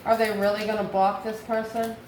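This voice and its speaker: A brisk, flat delivery with a medium pitch and a slightly mellow quality marks this woman's voice. She's an American tarot reader and channel host giving an intuitive reading to the viewer, musing through short, repeated phrases and questions. Echo and clear background noise are audible.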